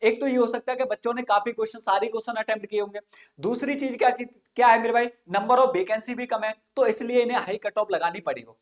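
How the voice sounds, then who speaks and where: A man with a very high-pitched voice talks fast while teaching an informal online exam-coaching lesson. He explains things repetitively and keeps asking whether listeners are following.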